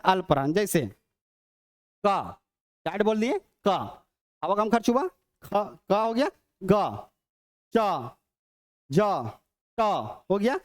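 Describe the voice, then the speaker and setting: Classroom teacher, mid pitch, repetitive question-and-answer style, slow drawn-out letters. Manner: repeats, asks and answers own questions; sounds out letters slowly and drawn out. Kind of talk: demo class on phonetics.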